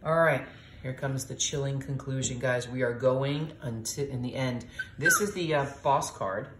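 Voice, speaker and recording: A woman's voice: extremely low pitch, normal speed, roomy sound, heavy background noise. A middle-aged woman hosting a casual board game session with her daughter, explaining rules aloud and reacting with little exclamations. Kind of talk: casual game-play chat to viewers.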